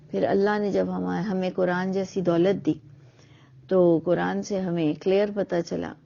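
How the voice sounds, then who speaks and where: Her medium-pitched voice is mellow. She's a middle-aged woman reflecting on religious questions in an earnest, argumentative monologue crowded with rhetorical questions, and the recording quality is dull and lo-fi.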